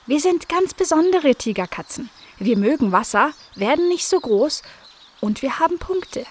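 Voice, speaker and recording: A chatty young female cat in a storybook, high and light, explaining herself proudly, as a woman voices her. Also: animated, moderate pace. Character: young female spotted cat, Cleo's twin.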